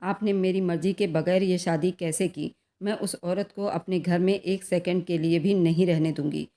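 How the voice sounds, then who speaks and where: A woman's voice: lowish voice, steady tone, moderate pace, mellow, lightly acted. A woman voicing an indignant, hurt middle-aged wife and mother in a storybook reading. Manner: indignant, pleading.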